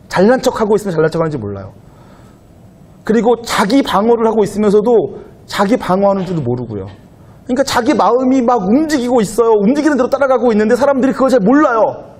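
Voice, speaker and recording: A man pastor giving a conversational sermon to a young adult congregation in a church, at times growing louder and higher as he presses a point. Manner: conversational preaching, rising loud and high when animated. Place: church sanctuary.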